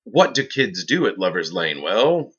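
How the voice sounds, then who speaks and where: A man presents as a campy horror host in a dull recording. His voice is bright and husky, with a theatrical, drawn-out delivery that swings widely in pitch. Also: big pitch swings. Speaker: horror movie show host.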